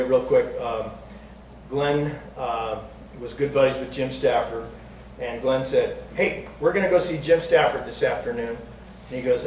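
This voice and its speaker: An older man tells stories to a live audience, chatty and joking, and raises his voice for the bits he acts out. He sounds far from the mic in a roomy hall that echoes. Steady background noise runs under his voice. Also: medium pitch. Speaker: entertainer telling stories at a museum talk. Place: museum event room. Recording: echoey room, distant mic, noisy background.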